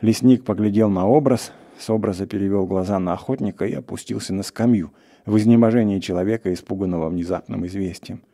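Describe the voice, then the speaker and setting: A man reads a classic tale aloud in a steady, measured way. His voice is low and deeply dark, with a warm, mellow weight. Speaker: narrator. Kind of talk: literary reading of a classic story.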